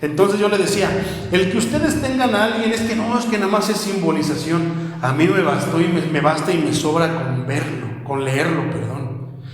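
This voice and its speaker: Mexican pastor preaching in an echoey hall. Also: male voice, a little high, moderate pace. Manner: preaching with many rhetorical questions. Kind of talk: sermon. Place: small church house of prayer. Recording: echoey hall with long reverb.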